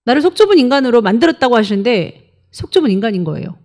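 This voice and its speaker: Woman preacher going hard at the congregation, pitch jumps all over, keeps asking them "right?". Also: very animated, very fast, a little mellow. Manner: emphatic, rhetorical questions, prodding "예?" tags. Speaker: pastor. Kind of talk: sermon.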